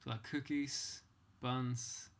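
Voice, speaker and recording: A man student from Sweden, a Swedish native speaker, chatting in a relaxed, amused way. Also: mid-range voice, takes it slowly. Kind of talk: casual panel chat.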